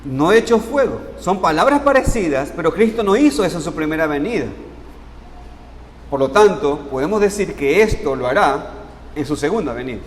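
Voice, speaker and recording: A man with a high voice preaching a sermon in a church sanctuary, heard with a long reverb and a faint hiss. He asks the congregation questions and answers them himself, slowing down to stress the key words. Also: expressive. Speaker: pastor.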